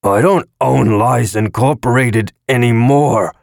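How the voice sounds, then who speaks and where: A man voicing a pompous, weary eye-eating alien blob that talks in a slow, slurred intoning way. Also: mid-range voice, creaky, darkish tone, no echo, clean studio sound, voice pushed up. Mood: gloomy.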